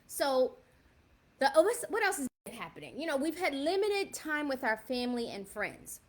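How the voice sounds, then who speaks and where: Hosting a laid-back livestream, a South Bronx–raised woman in her 50s speaks directly to her audience, chatty and repeatedly asking "right?" Her voice is high-pitched with big swings in pitch, at a moderate pace.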